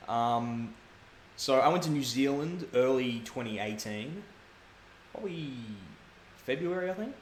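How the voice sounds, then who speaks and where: A man's voice: medium pitch, animated, measured pace. Rambling man in an echoey room. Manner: rambling, self-correcting storyteller. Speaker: guest speedrunner. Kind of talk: casual chat. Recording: echoey room, faint background noise.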